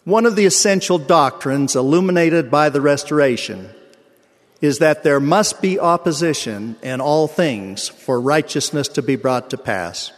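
An older man giving a sermon, telling a personal story in a measured, earnest way. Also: on the high side, lively intonation, big-room sound. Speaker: church speaker.

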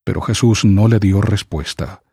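A man reading scripture aloud for an audiobook in a measured, solemn way. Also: lowish voice, dark tone, husky, no room sound, clean studio sound. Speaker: scripture reader.

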